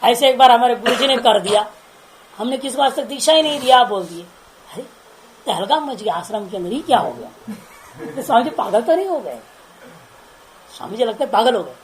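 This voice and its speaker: High-voiced woman giving a chatty discourse. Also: expressive, brisk, pauses often, slight background noise, poor audio. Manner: chatty, laughing, asks listeners rhetorical checks. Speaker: spiritual teacher. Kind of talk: informal religious discourse.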